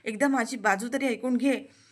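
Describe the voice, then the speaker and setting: A woman's voice: fairly high pitch, moderate pace, lightly acted. A woman voicing a remorseful young woman who pleads earnestly. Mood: pleading.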